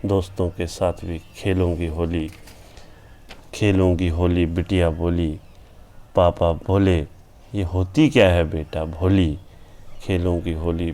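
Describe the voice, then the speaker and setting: Slow deep-voiced Indian man reciting verse. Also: darkish tone. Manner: rhythmic recitation with repeated refrains, plain talk with "a" fillers. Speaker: channel host reciting his own poem. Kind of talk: poetry recitation with spoken commentary.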